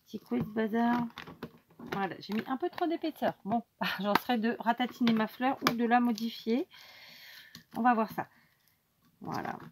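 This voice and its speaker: A woman's voice: a little high, moderate pace, long pauses, background noise. A woman hosting a casual craft tutorial, chatting and thinking aloud with many fillers as she works.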